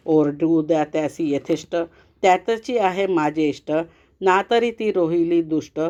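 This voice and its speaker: A woman reading devotional verse aloud in a slow, measured chanting cadence. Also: low-pitched, a little mellow. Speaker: devotional reader. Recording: dull lo-fi recording.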